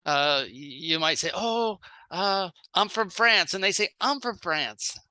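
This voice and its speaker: Speaking slowly in a mid-range voice that is expressive, pushed and bright, this presenter leads a sales training seminar. The talk comes in short, plain phrases broken up for an interpreter, with little example dialogues acted out.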